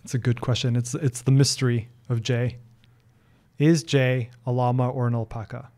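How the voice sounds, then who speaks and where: Warm and level at a normal speed, his medium-pitched voice belongs to a Norwegian man in his thirties using English as a second language. He hosts a relaxed livestream Q&A from his home office, reading questions out and answering chattily with many ums and restarts. A desk broadcast mic sits close to his face.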